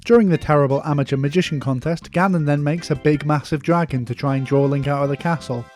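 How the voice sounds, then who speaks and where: A man's voice: fairly high pitch, quick pace, raised voice, over music. A man narrating a comedic cartoon retrospective, sarcastic and mocking. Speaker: video reviewer.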